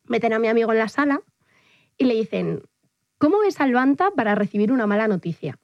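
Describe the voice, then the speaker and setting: Young woman, podcast co-host, bright upper voice, dry close sound, animated tale-teller who squeals out her own lines. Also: a little fast, no room sound, lo-fi sound. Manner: animated storyteller, acts out her own quotes in high squeals. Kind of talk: casual chat.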